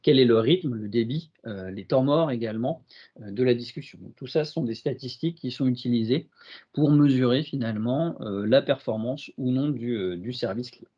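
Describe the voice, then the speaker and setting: A man with a French accent walks through a software demo on a video call, stopping often on fillers and restarting his sentences. His voice sits at an ordinary pitch. The audio is dull and lo-fi, like a computer mic. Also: moderate pace, husky. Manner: hesitant, many fillers and restarts. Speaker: IT consultant presenting a demo. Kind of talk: webinar product demo.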